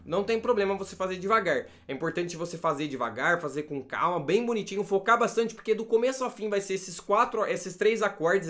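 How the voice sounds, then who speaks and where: A man teaching a casual guitar lesson, calling out chords and strum directions and checking in often with the viewer. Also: sits high. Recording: loud guitar under the voice.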